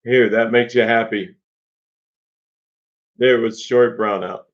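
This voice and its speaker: A man's voice: medium pitch, fairly even intonation, slow pace. An American man co-hosting a casual live chat with viewers, joking and chatty. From United States. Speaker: channel co-host. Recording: dull lo-fi stream audio.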